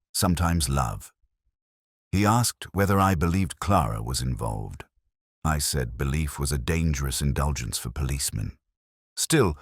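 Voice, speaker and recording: Recorded close and dry, a man voices a middle-aged police inspector in scripted first-person detective narration, his extremely deep voice slightly rough and exaggerated. He speaks in brooding, erudite, melancholy sentences at a measured pace, his pitch rising and falling in lively fashion.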